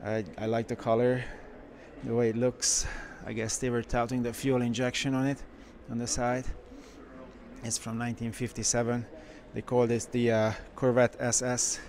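A man who runs a car shop, walking through a car museum and giving casual, enthusiastic commentary with frequent pauses. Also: medium pitch, little pitch movement, darkish tone, a little hiss or hum. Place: indoor car museum halls.

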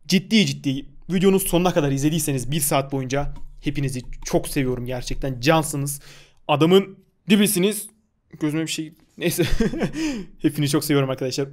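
Excitable young man yelling at a football game. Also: a little high. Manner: excitable, shouts at the game, swears. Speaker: gaming YouTuber. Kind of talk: casual gameplay commentary.

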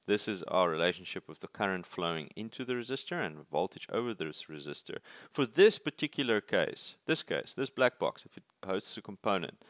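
A South African university lecturer with a low, fairly bright voice explains circuits while drawing them at a desk, the camera filming the paper from above. He thinks aloud, restarts words, and asks "right?" The studio sound is clean, with no room sound.

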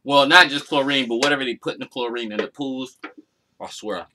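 A man's voice: mid-range voice, brisk, background noise. A man chatting casually and playfully in slang as he hosts a home vlog. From Arkansas, United States. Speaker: mukbang vlog host. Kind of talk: casual chat. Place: small indoor room at home.

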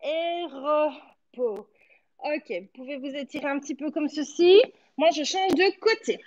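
High-pitched woman coaching a workout. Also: moderate pace, a little mellow, lo-fi sound. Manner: short encouraging commands, cueing while exercising. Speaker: fitness coach. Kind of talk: instructing a home workout, counting repetitions. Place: living-room home studio, indoors.

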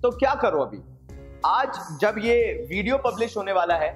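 A man's voice: high voice, sing-song, normal speed. Young man, commerce teacher, casual exam advice, echoey room, faint music behind. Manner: casual, Hindi-English mixing, addresses students directly. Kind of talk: exam study advice to students. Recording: roomy echo with faint music.

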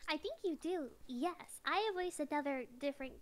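A woman with a high voice co-hosting a game stream in casual chat. She is giggly and exclamatory, and other voices can be heard behind her. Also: normal speed, a crowd in the background.

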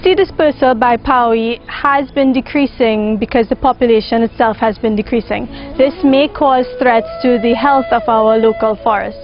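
Higher-voiced young woman in documentary interview. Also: steady tone, moderate pace, few pauses. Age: young adult. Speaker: interviewed wildlife expert. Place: outdoors among greenery. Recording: slightly dull sound, music underneath.

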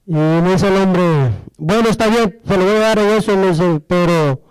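Man giving a church testimony, high voice, smooth resonant tone, dry close sound, storytelling with rhetorical questions. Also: normal speed, no echo, poor audio. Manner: storytelling, acts out dialogue, asks the audience rhetorical questions.

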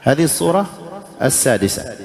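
A sheikh gives a recitation lesson in a gravelly, creaky voice at a middling pitch. He explains each mistake, chants the correct examples slowly and checks his listeners with quick questions. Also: very animated, crowd noise. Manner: quizzes the listeners with short questions. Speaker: sheikh teaching Quran recitation. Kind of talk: religious lesson.

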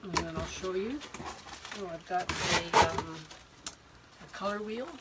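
An older woman in her sixties, slightly hoarse from a cold, talks haltingly and casually through an unboxing, thinking aloud as she goes. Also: lowish voice. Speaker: art vlogger unboxing supplies. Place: indoor home art studio, wood-beamed. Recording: noisy room, clicks and rustling.

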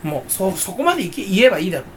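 A man rambles through a casual solo talk, jokey and self-mocking. His pitch jumps up and down a lot as he rambles. He talks as a channel host with no one else there. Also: very animated, racing, slight background noise.

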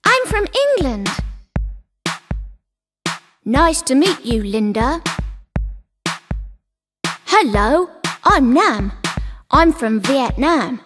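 Woman, high lively sing-song reading, slow, music bed underneath. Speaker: textbook dialogue and chant voice. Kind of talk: scripted classroom dialogue.

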